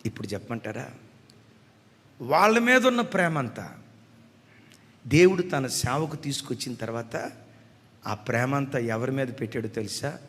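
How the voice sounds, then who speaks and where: A middle-aged male pastor preaches with a bright, forceful voice that carries a long reverb through a church hall. He drops to soft, tearful storytelling, then surges into loud, impassioned declarations. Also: medium pitch, expressive, normal speed, pauses often. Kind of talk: sermon.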